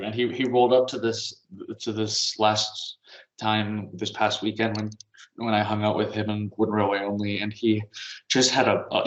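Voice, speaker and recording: A man's voice: on the low side, fairly bright tone. A man casually chatting on a podcast from home, rambling and meandering with little chuckles. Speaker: podcast co-host. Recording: roomy echo.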